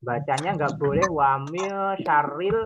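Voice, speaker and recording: A woman teacher patiently explaining recitation rules, modelling each word slowly and repeating it. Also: deep voice, muffled recording, very noisy. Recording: loud crowd of pupils behind.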